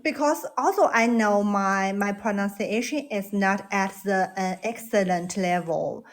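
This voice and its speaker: Calling in to a live English voice room, a woman from China chats casually in English with a Chinese accent. She has a mid-range voice and a measured pace, but her speech is hesitant, full of fillers and restarts.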